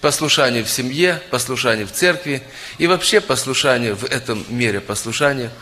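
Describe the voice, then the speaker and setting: Bright-voiced male preacher in a reverberant hall. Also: medium pitch, brisk, slight background noise. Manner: earnest, addresses congregation as friends. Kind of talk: sermon. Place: church hall.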